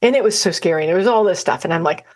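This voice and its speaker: A woman's voice: on the low side, rapid-fire. A woman who guides outdoor trips, telling chatty personal stories in a self-deprecating way and acting out what people said. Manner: acts out quoted dialogue with lively voices. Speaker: outdoor adventure guide and trainer. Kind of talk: personal storytelling talk.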